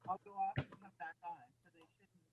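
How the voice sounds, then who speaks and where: A woman school board trustee on a video call, her voice muffled and echoing as if she were in a tunnel, talking quickly and flustered. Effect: muffled, echoing, tunnel-like sound over a bad call connection. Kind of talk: video meeting talk. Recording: thin phone-like call audio with faint noise.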